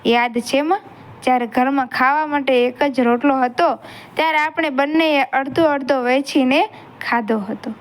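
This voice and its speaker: A woman's voice: sits high, normal speed, natural voice. A woman voicing a grieving young widow who pleads tearfully with her mother-in-law. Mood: pleading grief.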